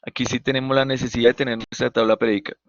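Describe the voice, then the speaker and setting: A male teacher with a Colombian accent leads an online lesson at a middling pitch. He is patient and walks his students through each step, posing questions and then answering them himself. The sound is dry and a bit dull, like a computer mic on a video call. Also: level tone, very fast, gravelly, no echo. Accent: Colombian Spanish. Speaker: chemistry teacher. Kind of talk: online class lecture.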